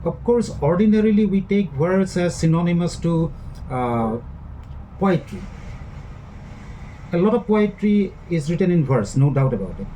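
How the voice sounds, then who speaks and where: A man's voice: sits high, animated, a little slow, long pauses, mellow, slight background noise, poor audio. A man with an Indian English accent giving a recorded online lecture, explaining step by step and often repeating and rephrasing his points with fillers.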